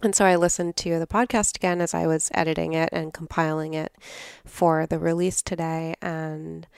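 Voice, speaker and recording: A woman podcast host with a raspy, nasal voice, sick with a cold, giving a chatty, casual, digressive intro monologue. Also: deep voice, level tone, normal speed, darkish tone, dry recording, studio quality.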